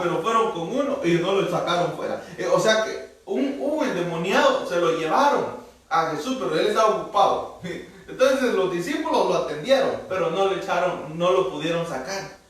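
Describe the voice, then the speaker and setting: Male pastor, high and sweeping pitch, animated sermon delivery, distant mic in a booming church hall. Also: normal speed. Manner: animated preaching, acting out Bible dialogue.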